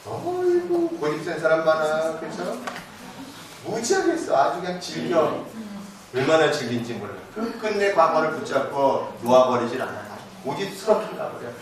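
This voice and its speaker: A man giving a live parenting lecture to an audience, animated, asking questions and answering them himself, moving between casual and polite speech. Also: on the high side, normal speed. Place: lecture hall. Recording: very echoey hall, distant mic, noisy.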